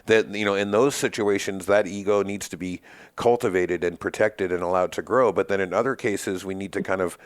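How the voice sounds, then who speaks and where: Male podcast host, low voice, reflective and easygoing, dry close sound. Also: steady tone, fairly quick, dry recording. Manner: reflective, laughs often, thinks aloud. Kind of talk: conversational interview.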